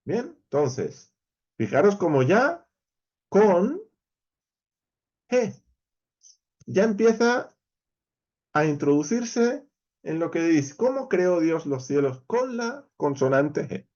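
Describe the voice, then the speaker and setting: A man's voice: high-pitched, very animated, slow pace, pauses often, a little mellow, dull audio. A man with a Spain Spanish accent teaching a verse-by-verse Bible study lesson, explaining animatedly and speaking straight to his viewers.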